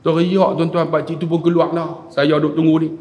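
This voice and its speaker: A man with a Kedah accent giving a mosque lecture, telling stories and acting out shouted scenes. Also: fairly high pitch, fairly quick. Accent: Kedah Malay. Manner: animated, acts out scenes with shouted voices. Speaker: religious lecturer (ustaz). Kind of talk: sermon with humorous storytelling. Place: mosque hall. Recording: echoey mosque hall.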